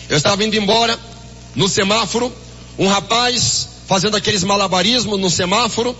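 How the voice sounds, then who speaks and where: A Brazilian pastor with a Brazilian Portuguese accent preaches with fervent exclamations, telling a story through quoted dialogue. His voice sits high and sounds sharp, with a long reverb tail, cut-off highs, and a little hiss or hum.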